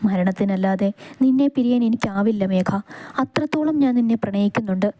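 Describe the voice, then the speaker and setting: A woman voicing a young man in love, speaking softly, tender and teasing. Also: mid-range voice, brisk, no room sound, lightly acted. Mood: vowing.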